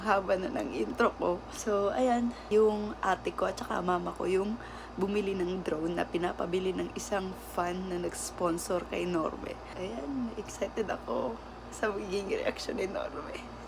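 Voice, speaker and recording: A woman vlogger speaking slowly and heartfelt to her viewers, thanking them. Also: medium pitch, fairly even intonation, vocal fry. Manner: slow and heartfelt, grateful. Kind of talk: casual vlog talk. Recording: noisy home recording.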